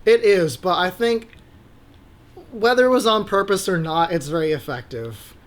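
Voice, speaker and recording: A young man co-hosting a podcast in casual chat, relaxed, laughing often and trailing off mid-sentence. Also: sits high, moderate pace. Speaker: podcast co-host.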